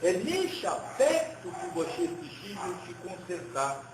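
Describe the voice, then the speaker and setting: Médium homem, voz alta, ensinamento espiritual lento e vacilante, sala com eco e leve ruído de fundo. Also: male voice, high-pitched, huge pitch swings, echoey room, background noise. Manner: slow, hesitant, repeats words. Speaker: spirit medium giving a message. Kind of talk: channeled spiritual teaching.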